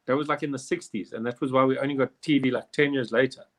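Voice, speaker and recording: A man's voice: medium pitch, fairly even intonation, quick pace, fairly bright tone. A man, hosting a live online quiz in a chatty, rambling way with jokey asides. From South Africa. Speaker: quiz host. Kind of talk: casual live quiz chat.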